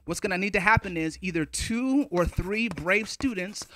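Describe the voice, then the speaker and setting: Male poetry teacher, high and bright, upbeat and playful, counts rhythms aloud. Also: normal speed, slight background noise. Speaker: teaching artist. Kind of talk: upbeat spoken-word poetry lesson.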